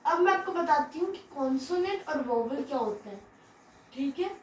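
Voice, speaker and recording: A woman's voice: sits high, lively intonation, moderate pace, recorded from a distance, slight background noise. A woman teaches grammar to a class. She asks a question, then answers it herself. She sounds set back from the microphone in an echoey room. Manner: asks rhetorical questions and answers them herself, checks in with "theek hai". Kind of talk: classroom grammar lesson mixing Hindi and English.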